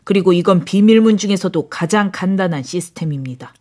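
In an audiobook drama, a woman voices a calm, mysterious older foreign man, speaking low, hushed and measured. The acting is light, and the tone is explanatory.

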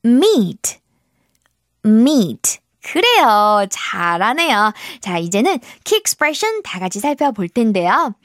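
A woman's voice: on the high side, big pitch swings, takes it slowly, a bit bright, dry recording, clean studio sound. A woman teaching English to children in a cheerful, encouraging, sing-song way. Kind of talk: online English lesson for children.

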